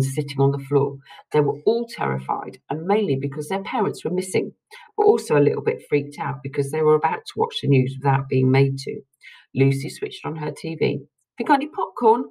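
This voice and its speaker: A woman reading a children's book aloud to listeners with expressive storytelling. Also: deep voice, brisk, husky, low-quality recording.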